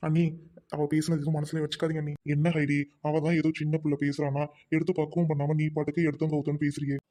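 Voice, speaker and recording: Performer doing a young husband, lecturing fast, mid voice, audio drama. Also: mid-range voice, flat delivery, dark tone, lightly acted. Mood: pleading. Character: young husband, torn between wife and elder brother. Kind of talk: Tamil audio drama acting.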